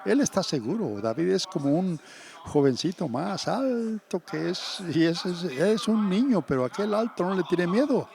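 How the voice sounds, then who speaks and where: Brief: male church preacher, gravelly timbre, animated storytelling sermon. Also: high-pitched, moderate pace. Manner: animated, acts out quotes.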